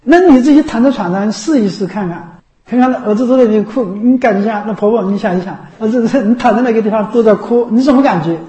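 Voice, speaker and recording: A man's voice: sits high, fast, dark tone, roomy sound. A man, a Buddhist monk, giving a conversational dharma talk to lay followers, asking rhetorical questions and acting out what people say. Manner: conversational, rhetorical questions, acts out quoted speech.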